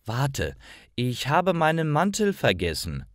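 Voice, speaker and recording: A man's voice: medium pitch, wildly swooping pitch, slow pace, no echo, clean studio sound, pitched above the performer's own voice. A man voicing a stern, dismissive old grandmother who speaks curtly and strictly. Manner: curt and strict.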